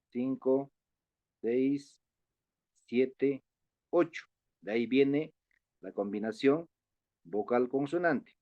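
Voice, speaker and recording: Slow patient guy teaching online, lots of ums, dry lo-fi mic. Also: medium pitch, darkish tone, dry recording. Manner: patient, spells out syllables slowly, many fillers. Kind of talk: online class lecture. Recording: dull, lo-fi online class audio.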